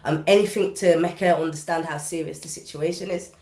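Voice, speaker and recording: A woman's voice: deep voice, fairly even intonation, fairly quick, a little mellow, roomy sound. A British woman, a guest recording artist, recounting a personal story in a podcast interview with vivid, intense, casual delivery. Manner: vivid, intense retelling with casual dialect grammar.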